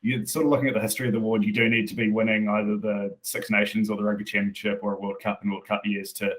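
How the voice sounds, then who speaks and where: Nz guy hosting a sports pod, talks quick, pretty flat and lowish. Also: low-quality recording. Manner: brisk, runs the segments. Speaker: podcast host. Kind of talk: casual sports chat.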